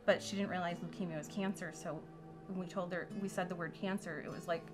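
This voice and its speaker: Low-pitched middle-aged woman, plainspoken. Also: steady tone, quick pace, over music. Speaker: interviewee, patient's mother. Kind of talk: personal interview, reflective recollection.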